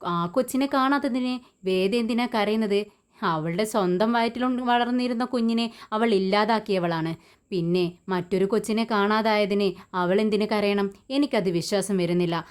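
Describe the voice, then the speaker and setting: A woman's voice: mid-range voice, normal speed, clean tone, natural voice. A woman reading the part of a stern older mother of the household, in a scolding tone.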